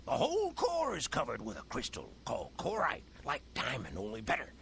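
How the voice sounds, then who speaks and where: Creaky, excitable crazy old hermit miner. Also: male voice, medium pitch, brisk, exaggerated voice. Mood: matter-of-fact, rustic. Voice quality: creaky, cracked old-man voice. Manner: folksy, rustic speech. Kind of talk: video game character acting. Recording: game audio with background noise.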